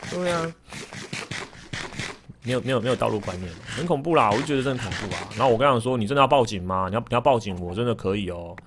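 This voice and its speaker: Stammering, lively Taiwanese-accented male streamer. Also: medium pitch, quick pace, a little hiss or hum. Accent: Taiwanese Mandarin. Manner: animated storytelling with frequent stammered repeats; jokes with the chat. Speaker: game streamer. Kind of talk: casual livestream chat while gaming.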